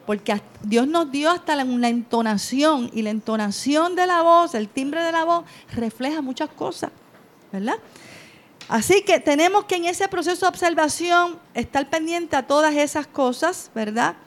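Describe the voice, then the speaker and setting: A high-pitched, middle-aged woman gives a talk on raising children. She speaks conversationally from her slides, often tagging her points with a questioning "¿verdad?". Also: normal speed. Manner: presents from slides. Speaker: parenting educator. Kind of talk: talk on parenting.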